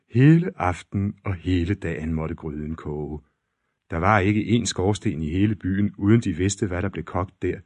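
A low, husky male voice reading a fairy tale, with a lively, wide-ranging delivery. The sound is dry and close, with no room echo. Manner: expressive, varied storytelling. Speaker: storyteller.

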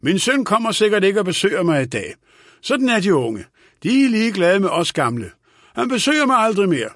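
Guy doing a cranky forgetful old lawyer, high fussy voice, dry close sound. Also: sing-song, fairly bright tone, dry recording, heavily acted. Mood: querulous. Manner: querulous, scolding, raised voice. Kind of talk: audiobook character voice.

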